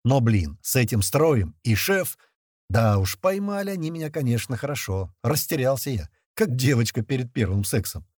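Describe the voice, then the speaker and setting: A man tells a first-person audiobook story in coarse, slangy language, with his voice swinging up and down in a lively way. His voice is husky, and it is recorded dry and close to the mic. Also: medium pitch, normal speed, dry recording. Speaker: audiobook narrator.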